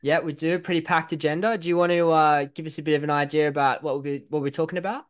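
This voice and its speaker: A man's voice: fairly high pitch, steady tone, fast talker, smooth. A man hosting a podcast in a casual, chatty style. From outside Northern Ireland. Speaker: podcast host. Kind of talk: casual chat.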